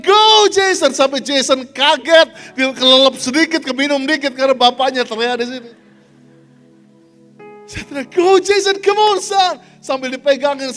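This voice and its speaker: Man, pastor, sermon storytelling, very high pitch, animated, loud to hushed swings, faint music behind. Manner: mixes English phrases into speech.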